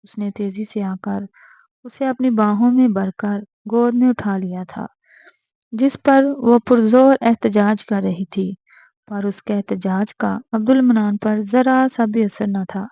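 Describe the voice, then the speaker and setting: A woman reading a romance novel aloud in a measured, even narrating voice. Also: medium pitch, dry recording. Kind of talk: scripted narration. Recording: dull lo-fi home mic.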